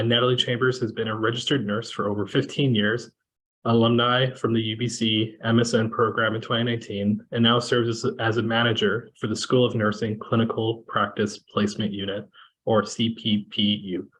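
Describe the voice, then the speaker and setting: A man from Kenya moderating a panel discussion over a video call, talking in a measured way with many fillers. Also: lowish voice, fairly bright tone, rough recording. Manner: measured, with frequent fillers and restarts.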